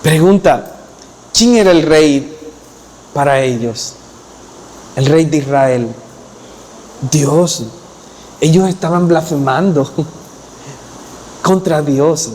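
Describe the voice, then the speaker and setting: A man's voice: slow, long pauses, a little mellow, slight background noise. Man preaching in an echoing hall. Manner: retells scripture in acted quotes, lowering his voice for them; rises in pitch when pressing a point. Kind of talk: expository sermon. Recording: long hall reverb.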